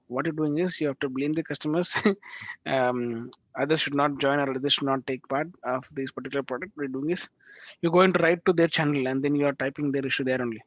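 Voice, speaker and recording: A male instructor teaches a live online class, his voice sitting a little high. He talks in halting bursts, restarts his sentences and keeps checking that students follow along. The call audio is dull and lo-fi, with no room sound at all. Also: dry recording. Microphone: video call microphone.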